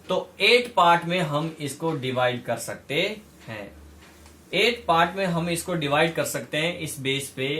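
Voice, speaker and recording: A man with a high-pitched voice teaches chemistry as a classroom lecture, walking through each idea step by step and repeating the key terms. He sounds set back from the mic, in a room with a noticeable echo. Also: pushed and bright, recorded from a distance.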